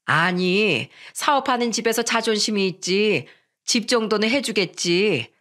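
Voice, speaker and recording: A woman's voice: medium pitch, lively intonation, a little slow, fairly bright tone. A woman voicing a brazen, condescending middle-aged future mother-in-law in a narrated radio story.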